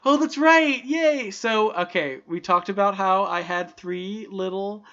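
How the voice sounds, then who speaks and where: A young man chatting on a podcast, his voice bright and forceful as he rambles animatedly through stories and acts out the lines of people in them. The recording is slightly muffled and lo-fi, with the top end dulled. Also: high-pitched, measured pace. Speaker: podcast co-host. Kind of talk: casual chat.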